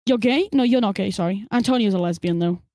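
A woman streaming a game live, teasing her friend in playful, quick banter. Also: medium pitch, darkish tone.

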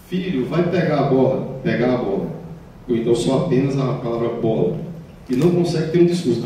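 A man's voice: fairly high pitch, warm tone. Man from Paraíba lecturing in an echoey hall. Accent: Brazilian Portuguese, Paraíba. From Paraíba, Brazil. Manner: explanatory, acts out quoted children and parents. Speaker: child psychiatrist giving a lecture. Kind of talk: public health lecture. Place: municipal meeting hall. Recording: very echoey hall from far off, faint noise.

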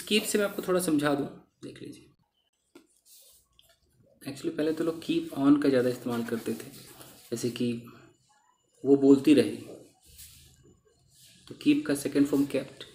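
A man teaching English through newspaper reading. He reads each English phrase slowly, then explains it quickly. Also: on the high side, a little mellow, roomy sound.

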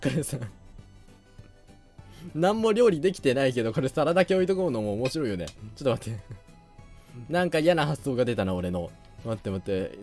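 A man's voice: medium pitch, darkish tone. A young man giving casual game commentary, thinking aloud and often hesitating. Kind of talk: casual let's play commentary.

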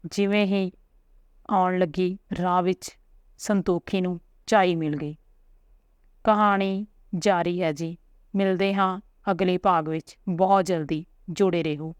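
A woman narrating a serialized family story with a steady, earnest reading. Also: fairly low pitch, slow pace, smooth, no echo.

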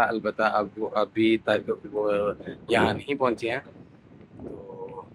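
A man giving a measured on-location news update as a sports reporter. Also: medium pitch, slight background noise, rough recording.

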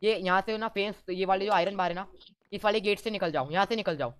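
Excited man shouting game orders. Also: sits high, fast talker, clear, resonant tone. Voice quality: teasing, bossy with teammates, shouts orders. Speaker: gaming YouTuber. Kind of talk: excited let's-play commentary.

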